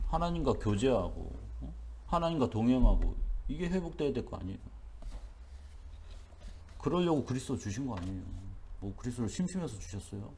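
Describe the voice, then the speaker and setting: A male pastor delivers a dawn sermon in a church, his voice gravelly and dark. He preaches in a conversational style, hammering his points home by repeating them. A faint hiss of noise sits under his voice. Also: medium pitch. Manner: emphatic, repetitive conversational preaching.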